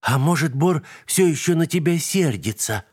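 Man doing a chattering excited little girl. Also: normal speed, husky. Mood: earnest. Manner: breathless, bubbly, high squeals.

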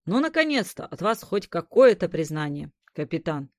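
A woman voicing Max, a grumbling, wisecracking young male fighter, raising her voice high and loud in an audiobook. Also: very animated, normal speed, dry recording, clean studio sound.

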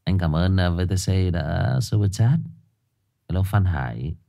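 A very deep-voiced man hosting a live late-night horror story stream, greeting viewers one by one in a chatty, joking way. His nose sounds stuffed up and he coughs now and then. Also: animated, a little slow, creaky, dark tone. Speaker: host of a live horror story reading channel. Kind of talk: livestream chat and story introduction.

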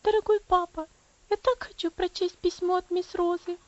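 Woman doing a high teary little girl begging her dad, dull dry recording. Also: flat delivery, moderate pace. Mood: pleading. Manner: high, pleading, tearful. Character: pleading tearful little girl Elsie.

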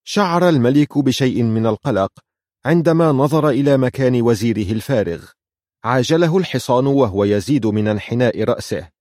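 A man reading literary short stories aloud in a measured, reflective manner. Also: mid-range voice, expressive, a little mellow, dry recording, clean studio sound. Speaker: storyteller.

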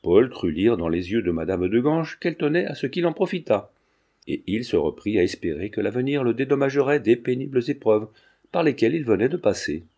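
A man narrating a classic novel as an audiobook in a steady, measured reading. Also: mid-range voice. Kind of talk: scripted narration.

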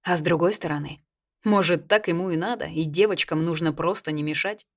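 Low-voiced woman reading an audiobook. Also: fairly quick. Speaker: audiobook reader. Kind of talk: scripted narration.

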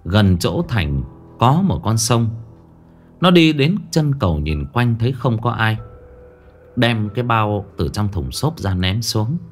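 Brief: male horror-story narrator, low and dramatic, wide lively pitch, faint music bed. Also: slow.

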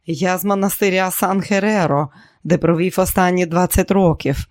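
A man reading an audiobook voices a middle-aged monk who speaks quietly and kindly. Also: sits high, steady tone, normal speed, no echo, studio quality, lightly acted. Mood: gentle. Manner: quiet and kind. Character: gentle, soft-spoken middle-aged male monk.

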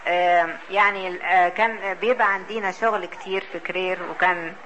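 Egyptian woman, religious speaker, storytelling talk, bright and hesitant, light noise behind. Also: lowish voice, steady tone, poor audio. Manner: halting, full of fillers, laughs often.

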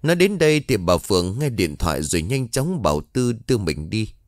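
Low-voiced man telling a ghost story. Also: very animated, a little fast, dry recording. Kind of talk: scripted horror story narration. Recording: dry close mic, faint music.

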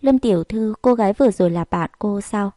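A woman's voice: medium pitch, brisk, mellow, no echo, studio quality, close to an everyday voice. A woman voicing a curious, gossipy young female nurse who chats nosily, in a storybook reading. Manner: nosy, chatty.

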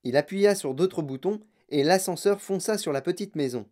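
Brief: male storybook narrator, steady and calm. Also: high voice, moderate pace. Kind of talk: audiobook reading.

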